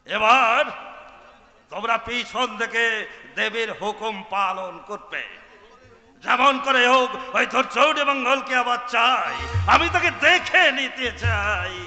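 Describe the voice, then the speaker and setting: An imperious, high-pitched stage Nawab. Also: male voice, expressive, sharp tone, exaggerated voice. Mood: commanding. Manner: grand, slow, declamatory. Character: imperious scheming Nawab father, bent on capturing his enemy. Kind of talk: Bengali jatra historical stage acting. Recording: echoey hall, faint music behind.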